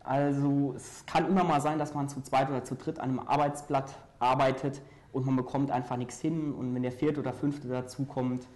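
A young man from Saarland, a student mentor, explaining calmly as a guest in a studio interview. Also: mid-range voice, moderate pace, hardly any pauses. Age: young adult. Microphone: lapel mic.

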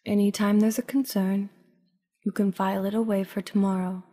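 Woman, sleep story narrator, mellow dark tone, soft breathy endings, calm guided meditation, long reverb. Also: mid-range voice, moderate pace.

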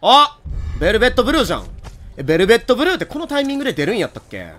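A young man with a Kansai accent giving excitable, joking commentary on a game he is playing, with loud outbursts. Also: high voice, very fast. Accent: Kansai Japanese. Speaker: gameplay commentator.

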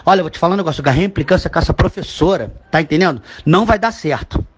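A man's voice: fairly high pitch, racing, breathy edge. A man dubbing a crude, exasperated middle-aged father who rants in a comedic voice message and keeps asking if you understand. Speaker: comedy voice dubber.

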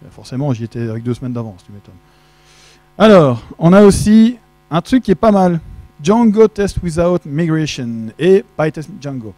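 This is a dry recording of a middle-aged Frenchman with a fairly high, mellow voice. Speaking into a handheld mic at a casual tech conference, he chats, jokes, and poses questions to the audience in a large dark auditorium with a projection screen.

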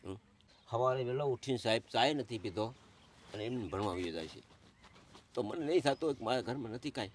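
A man's voice: medium pitch, animated, brisk, long pauses, slight background noise. A middle-aged man, crying and pleading, telling of his hardship and calling the interviewer sir again and again. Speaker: interviewee, father in need. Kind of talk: emotional conversation.

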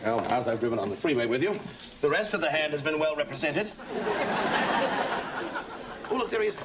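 A man's voice: a little high, animated, fairly quick, over a noisy crowd, natural voice. An actor playing a pompous, eloquent American man in his forties in a sitcom, speaking formally and theatrically. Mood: conciliatory, polished. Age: 40s. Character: pompous, righteous, theatrical older brother. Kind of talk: sitcom acting before a live audience. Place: busy cafe set. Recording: noisy sitcom soundtrack with audience.

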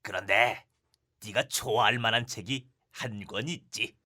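A man voicing a stern adult male librarian in an animated cartoon, speaking with admonishing authority. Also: fairly low pitch, unhurried, heavily acted. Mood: secretive.

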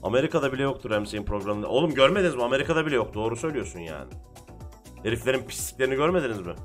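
Excitable man calling a football match. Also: mid-range voice, rapid-fire, faint music behind. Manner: shouts encouragement at his players, calls play-by-play. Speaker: gaming streamer. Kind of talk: excited football game commentary.

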